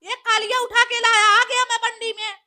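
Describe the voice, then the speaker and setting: Someone doing a squeaky cheeky schoolboy. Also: level tone, normal speed, heavy background noise. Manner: cheeky backtalk. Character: cheeky male schoolboy, cocky wisecracker. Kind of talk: comedy skit acting.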